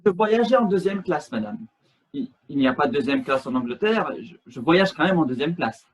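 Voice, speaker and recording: A man playing a stiffly polite English gentleman in an absurdist stage scene, speaking in a halting, ceremonious way over a video call. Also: on the high side, animated, slightly rough, low-quality recording. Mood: formal. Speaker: amateur actor.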